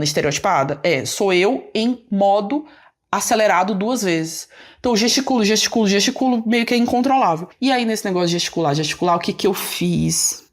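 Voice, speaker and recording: A woman tells viewers a personal story in an animated, self-mocking way, with quick asides to her audience. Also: mid-range voice. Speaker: vlogger telling a personal story.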